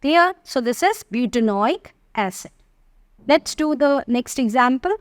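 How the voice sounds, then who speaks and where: An Indian woman teaching chemistry, asking the class questions and spelling out formulas slowly. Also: high-pitched, expressive, dry recording, clean studio sound. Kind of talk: classroom lesson in Hindi-English mix.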